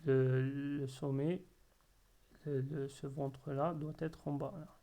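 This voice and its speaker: A man teaching Arabic letters step by step, patiently drilling syllables slowly and repeating them. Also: on the high side, flat delivery, mellow. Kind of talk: slow step-by-step lesson.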